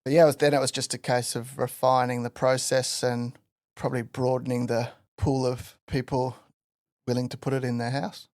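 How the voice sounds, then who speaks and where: A Western Australian man with a medium-pitched voice tells his story at a moderate pace as a guest artist on a casual podcast, rambling loosely with many fillers. The sound is studio quality with no echo.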